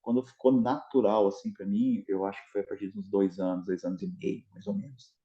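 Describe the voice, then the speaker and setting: A man's voice: lowish voice, fairly quick, dark tone, lo-fi sound. A Brazilian man with a Brazilian Portuguese accent, a guest in a casual interview, explaining at length with many restarts and fillers.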